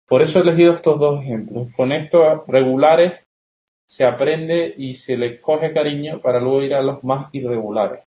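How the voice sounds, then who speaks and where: A young man, teaching a poetry class and often checking that students follow. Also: mid-range voice. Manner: explanatory, keeps checking with questions. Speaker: literature teacher. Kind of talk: classroom lecture. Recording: roomy, dull classroom recording.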